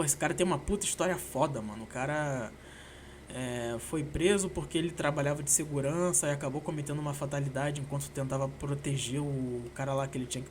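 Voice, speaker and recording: A man's voice: a little high, a little hiss or hum. A young man from Brazil hosting a solo podcast, rambling casually and swearing a lot, with constant slang fillers. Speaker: podcast host.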